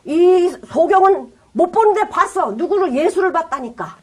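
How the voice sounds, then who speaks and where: High-voiced, emphatic woman pastor preaching. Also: expressive, normal speed. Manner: emphatic, rhetorical questions, swings between loud and hushed. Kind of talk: sermon.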